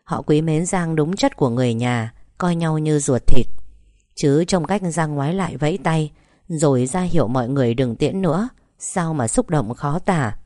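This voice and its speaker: Woman telling a family story, low voice, dry close sound. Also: normal speed, dark tone, no room sound. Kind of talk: scripted narration.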